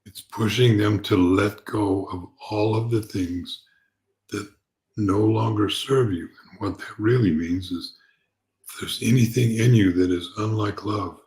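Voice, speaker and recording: A man giving an unscripted spiritual talk as a teacher, calm, gentle and reflective, speaking haltingly and repeating words as he goes. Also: lowish voice.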